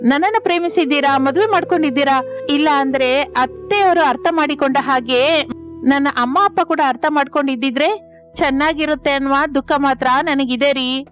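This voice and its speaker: A woman's voice: high voice, normal speed, lightly acted. A woman voicing a sad but loyal young wife in a cartoon story, with music under the voice. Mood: wistful.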